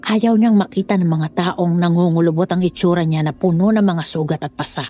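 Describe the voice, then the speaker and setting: A woman's voice: lowish voice, a little fast, mellow, lightly acted. A woman playing a scheming, commanding older woman in a dramatized horror story, speaking in a scolding, condescending manner.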